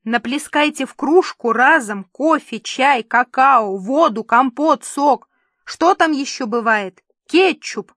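A woman's voice: sits high, lively intonation, slow pace, no echo, pitched above the performer's own voice, exaggerated voice. Woman reading as fed-up male tv director hollering sarcastic orders, dry close sound. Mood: exasperated shouting. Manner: shouting, sarcastic.

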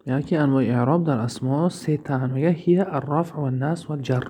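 A man's voice: a little high, mellow, breathy edge. A man with a Tajik accent teaching Arabic grammar from a textbook, asking questions and answering them himself as he reads out examples. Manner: explains by asking and answering his own questions, reading Arabic examples aloud. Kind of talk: recorded lesson explaining a textbook.

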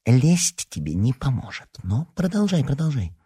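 A man's voice: medium pitch, very animated, normal speed, dark tone, breathy edge, voice pushed up. A man reading an audiobook, voicing a touchy, indignant teenage schoolgirl. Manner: indignant, snappy.

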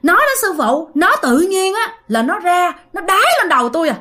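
A woman voicing an angry spirit speaking through a possessed man, ranting in a shrill, vengeful way. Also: sing-song, brisk, sharp tone, heavily acted. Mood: aggrieved, furious.

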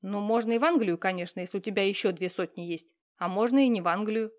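A woman's voice: mid-range voice, fast, close to an everyday voice. A woman reading an audiobook, voicing a cheeky young female friend who is breezy and matter-of-fact.

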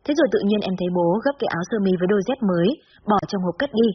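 A woman's voice: medium pitch, lively intonation, rapid-fire, highs cut off, slight background noise, close to an everyday voice. A woman voicing a young girl, a worried little sister, explaining earnestly in a storybook reading.

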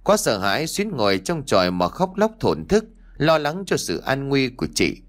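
A man narrating an audiobook story in an expressive, dramatic way. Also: mid-range voice, normal speed.

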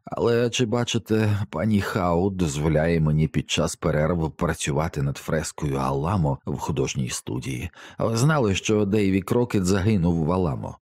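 A man voicing a frail, wasted man with a dry, brittle voice who talks slowly and vaguely, like a child. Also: sits low, a little mellow, no echo. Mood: dreamy. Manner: slow, drifting, childlike. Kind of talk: audiobook character voice.

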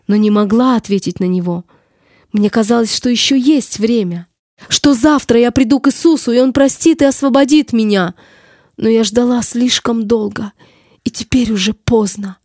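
A woman's voice: fairly high pitch, moderate pace, few pauses, a little mellow, no room sound, studio quality. A woman reading the lines of a damned woman's soul, who pleads in anguish and torment. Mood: pleading. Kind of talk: audiobook reading.

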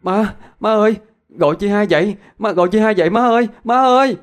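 A man voicing a small ghost child, high-pitched and tearfully urgent. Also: fast. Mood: frantic. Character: ghost child, small girl, pleading and frantic.

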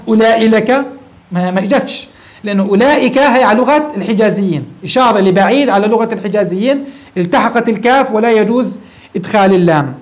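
A man teaching a grammar lesson, often checking in with quick rhetorical questions. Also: extremely high pitch. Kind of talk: classroom grammar lecture.

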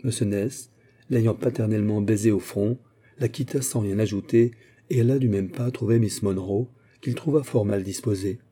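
A man reads a classic novel aloud in measured, literary narration. His voice sits fairly low, with a dark, husky tone. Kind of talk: audiobook reading of a classic novel.

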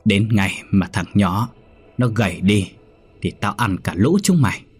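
A man's voice: fairly low pitch, normal speed, husky, soft background music. A man putting on a snappish senile grandmother. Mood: scolding. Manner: scolding and snappish. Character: senile, ravenous, cranky old village grandmother.

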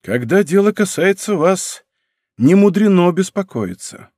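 A man's voice: high voice, sing-song, a little slow, a little mellow, no room sound, clean studio sound, pitched above the performer's own voice, exaggerated voice. A man voicing an earnest young king in an audiobook, soothing and coaxing. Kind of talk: audiobook character reading.

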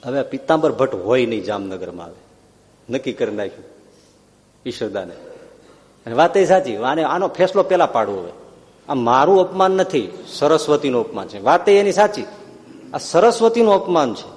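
A man's voice: medium pitch, sing-song, moderate pace, pauses often. A man narrating a devotional story with dramatic, passionate bursts. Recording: long hall reverb.

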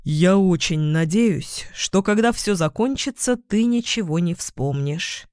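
A woman voicing a calm, patient young man with a gentle wry humor in an audiobook. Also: fairly low pitch, moderate pace, no room sound, studio quality, lightly acted.

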